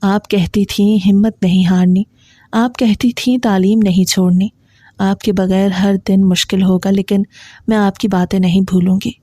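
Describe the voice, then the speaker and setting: An earnest, pleading teenage girl, anxious yet determined, slightly higher than the storyteller's usual voice, as a woman reads her. The warm tone sits in a dry, close recording. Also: steady tone, no room sound, natural voice. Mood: grieving.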